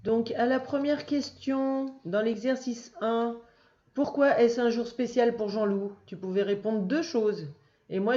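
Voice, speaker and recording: A woman teacher going over answers for a young child, speaking patiently, slowly and clearly. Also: a little high, mellow, echoey room, highs cut off. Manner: patient, slow and clear, addressing one child. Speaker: first-grade teacher. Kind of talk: recorded lesson for a young child.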